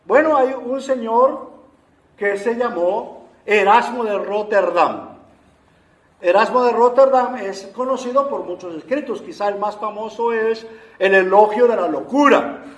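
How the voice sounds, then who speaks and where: Guy teaching a class, talks slow and explains, lots of eh's, sounds like a big echoey room. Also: high voice. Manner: unhurried, explanatory, with frequent "eh" fillers. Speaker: Bible translation lecturer. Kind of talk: explanatory lecture to an audience. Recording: roomy echo.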